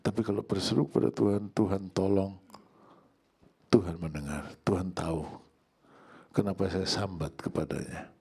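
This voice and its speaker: An older Indonesian pastor, preaching a sermon in church, swinging from hushed prayer to loud crying out. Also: male voice, sits low, a little fast, gravelly, slightly rough.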